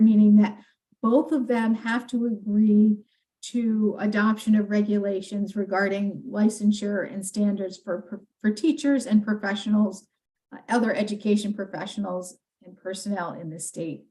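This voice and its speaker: A woman's voice: medium pitch, dark tone, low-quality recording. A woman on legislative staff explaining education governance to a committee, with frequent fillers. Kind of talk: committee briefing.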